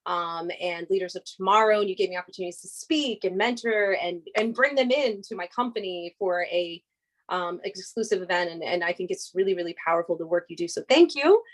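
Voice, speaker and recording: A woman's voice: lowish voice, animated, a little fast, rough recording. A woman speaking as a guest on a podcast, enthusiastic and conversational, often repeating words and restarting. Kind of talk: conversational interview.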